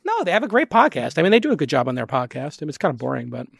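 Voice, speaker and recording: A man hosting a podcast in casual, rambling conversation, animated and swearing casually. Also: on the high side, very fast, gravelly, breathy edge, no room sound, clean studio sound. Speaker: podcast host.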